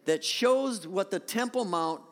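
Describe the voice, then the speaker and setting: A man's voice: sits high, lively intonation, a little slow. A man preaching a conversational sermon to his congregation, showing pictures on a screen and restarting his sentences often. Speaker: pastor. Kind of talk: sermon with slides. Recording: long hall reverb.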